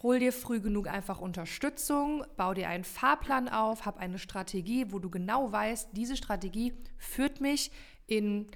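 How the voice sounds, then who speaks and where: A woman's voice: mid-range voice, normal speed. A woman co-hosting a podcast, explaining in long emphatic runs with many fillers in a casual chat. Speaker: podcast co-host.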